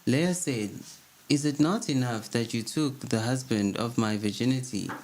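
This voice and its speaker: A man reading an old religious text aloud at a steady, measured pace as a co-host. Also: medium pitch, poor audio.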